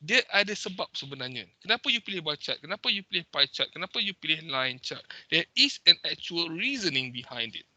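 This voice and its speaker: A man's voice: fairly high pitch, big pitch swings, quick pace, few pauses, bright, forceful tone, no echo. A young man with a Malaysian accent, teaching a lesson over a video call and explaining each point step by step with many "okay"s. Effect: heard over a video call meeting recording. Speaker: instructor. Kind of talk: teaching over a shared screen, mixing English and Malay. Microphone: computer mic on a video call.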